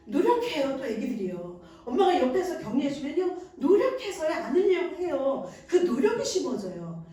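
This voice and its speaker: A woman teaches parents in a church, coaxing and warm as she plays out a mother's tender words to her baby. Her voice sits high and moves a lot. The sound is distant and heavily echoey, as if caught from across a hall. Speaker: church infant ministry teacher. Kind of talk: parenting lesson in a church service. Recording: echoey room, voice from far off the mic.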